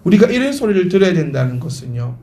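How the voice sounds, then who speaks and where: A man's voice: sits high, sing-song, fast talker, dark tone. A male pastor preaching a sermon to his congregation, emphatic and full of rhetorical questions. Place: church sanctuary. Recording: roomy church hall echo.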